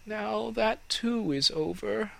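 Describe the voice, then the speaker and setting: A man's voice: slow pace, bright, forceful tone, no room sound, full character voice. A man doing a proud, wistful fir tree. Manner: high, breathy, dreamy storybook voice.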